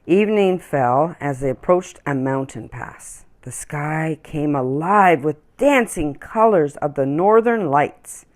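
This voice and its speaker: A woman reads a children's story aloud at story time, expressive and deliberate in her storytelling. Her voice sits low.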